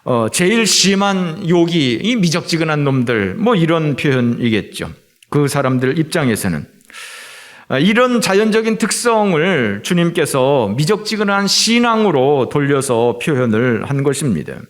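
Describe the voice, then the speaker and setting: A middle-aged man from Seoul preaching a Sunday sermon as pastor in a church, pausing often with filler sounds. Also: fairly high pitch, sing-song. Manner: frequent filler sounds and drawn-out hesitations. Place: church sanctuary.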